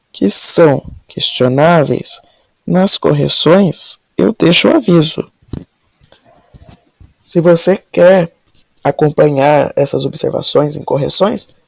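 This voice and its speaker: Woman language teacher with a gravelly voice, patient question-and-answer explainer, dry close-miked room. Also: sits low, darkish tone, dry recording. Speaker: Portuguese teacher. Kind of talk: solving exam questions step by step.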